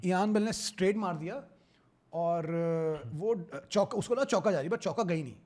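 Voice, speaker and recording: A man's voice: high-pitched, normal speed. A man hosting a podcast in casual chat, telling stories with lots of laughter. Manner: animated, laughing storyteller. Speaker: podcast host.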